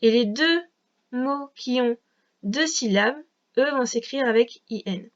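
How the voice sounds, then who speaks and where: Patient lady teacher talking slowly to a little kid, kinda muffled sound. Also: a little high. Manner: patient, slow and clearly articulated for a young child. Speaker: first-grade teacher. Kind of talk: remote reading lesson.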